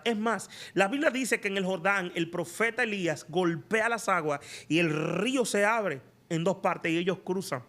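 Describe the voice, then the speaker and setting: A man's voice: high voice, a bit bright. A man preaching a sermon as a prophet and teacher, asking emphatic rhetorical questions. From Latin America.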